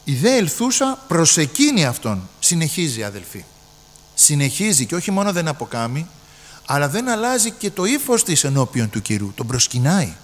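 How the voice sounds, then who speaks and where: A man's voice: a little high, sing-song, in a large hall. A man preaching a sermon emphatically, repeating his phrases and often addressing the brethren.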